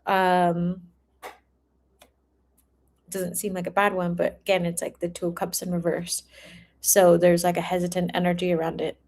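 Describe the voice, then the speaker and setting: A tarot reader hosts a livestream and chats informally with her viewers, often slipping into giggles. Her voice is lowish and darkish, her delivery flat at a moderate pace, with long pauses.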